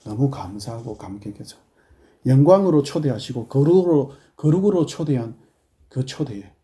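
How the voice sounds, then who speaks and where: A male pastor with a Busan accent preaching a sermon, swinging from hushed prayerful murmurs to loud scolding questions. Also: mid-range voice, lively intonation, moderate pace. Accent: Busan Gyeongsang Korean.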